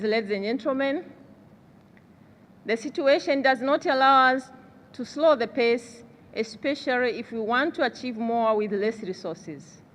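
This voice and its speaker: A woman with a Rwandan accent gives a formal podium speech in a big, reverberant hall with some noise behind her. Her voice sits fairly high for a woman, and she phrases things deliberately, like an official addressing delegates. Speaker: government official, delegate speaker. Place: large conference hall. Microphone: podium gooseneck microphone.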